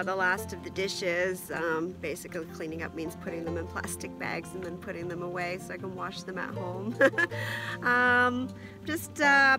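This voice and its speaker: A woman in her forties chatting casually to camera from inside a heated canvas tent, relaxed and rambling with lots of ums. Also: mid-range voice. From Canada. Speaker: camping vlogger. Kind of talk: casual vlog chat. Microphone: camera at arm's length and on a stand.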